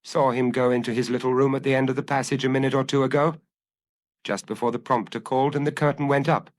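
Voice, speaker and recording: A man's voice: mid-range voice, level tone, fast talker, voice pushed up, lightly acted. A man voicing a sullen working-class woman attendant who talks bluntly. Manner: sullen, blunt, dropped grammar.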